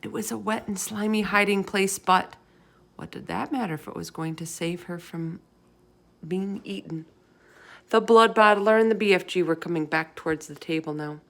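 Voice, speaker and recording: A woman narrates a children's story aloud with expressive delivery. Her voice is mid-range with some vocal fry, at a moderate pace.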